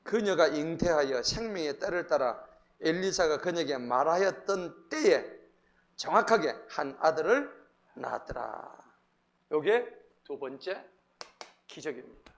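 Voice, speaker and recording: A pastor preaching a Wednesday sermon in a church, animated, quizzing the congregation and acting out the Bible figures. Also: male voice, on the high side, a little slow, creaky. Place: church sanctuary.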